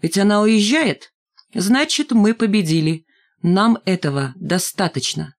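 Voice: mid-range voice, unhurried, pitched above the performer's own voice, close to an everyday voice. An audiobook reader voicing a cold, commanding schoolgirl ringleader who speaks firmly and with contempt. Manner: firm and scornful. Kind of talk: audiobook character voice.

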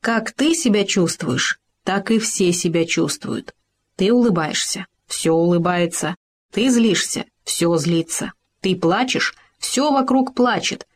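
A woman's voice: mid-range voice, expressive, slow pace. A woman voicing a male hamster in a storybook, a know-it-all friend who lectures and insists. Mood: lecturing.

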